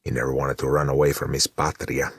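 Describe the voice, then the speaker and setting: A man's voice: very deep voice, little pitch movement, brisk, gravelly, breathy edge, no echo, studio quality, full character voice. A man voicing a blunt, needling brother who smokes, in an audiobook. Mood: bitter. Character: blunt, slouching middle-aged brother, chain smoker. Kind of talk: audiobook narration.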